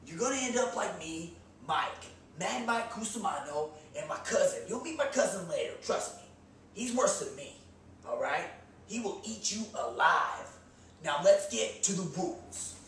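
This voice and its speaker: A high-pitched, animated man in his twenties speaks at a normal speed with a slightly bright tone, hosting a comedy sketch full of cocky meathead gym advice. He's captured by a distant camera mic in a small, echoey indoor room against a bare wall, with slight background noise.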